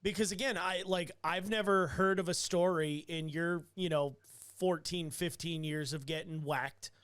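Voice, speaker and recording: A man's voice: fairly high pitch, steady tone, moderate pace, fairly bright tone, smooth. A man co-hosting a medical podcast, telling work stories in loose, casual chat with plenty of swearing. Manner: loose storytelling with heavy swearing. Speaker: podcast host, paramedic.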